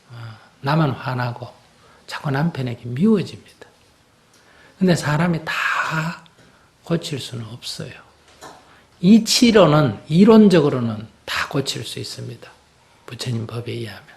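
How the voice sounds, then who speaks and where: A man, a Buddhist monk, answering a question in a plain-spoken dharma Q&A, with rhetorical questions and everyday examples. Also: on the high side. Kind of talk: conversational dharma Q&A.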